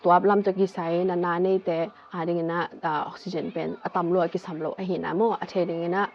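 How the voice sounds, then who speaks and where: A woman vlogger calmly explaining a health topic, stepping through medical terms one by one. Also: on the low side, very slow, lo-fi sound, slight background noise.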